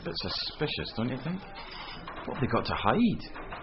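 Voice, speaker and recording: A man's voice: mid-range voice, sing-song, moderate pace, natural voice. A man playing a polite, long-suffering British police sergeant in a radio drama, deferential and a little hesitant. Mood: puzzled, suspicious. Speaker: actor. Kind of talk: radio drama acting and first-person narration. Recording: dull, noisy radio-drama recording.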